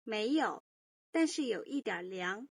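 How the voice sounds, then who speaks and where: Slow, careful woman reading a course dialogue. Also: medium pitch, animated, no room sound, clean studio sound, full character voice. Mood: plain. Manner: slow, careful, clearly articulated. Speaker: speaker in a textbook audio dialogue. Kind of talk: scripted language-course dialogue.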